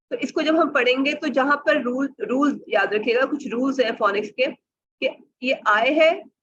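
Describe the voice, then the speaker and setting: A woman's voice: a little high, fairly bright tone. A woman trainer giving an online teacher training lesson, sounding out phonics words letter by letter and repeating the rules for listeners. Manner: asks listeners to remember rules, repeats herself. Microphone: online call or webcam mic. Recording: dull lo-fi online session audio.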